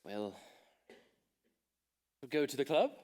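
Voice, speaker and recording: A young man acts out a witty, idle gentleman who is always hungry, in a school stage comedy. His delivery is playful and teasing. His pitch leaps around with lively swings. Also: slow pace. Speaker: stage actor in a school play.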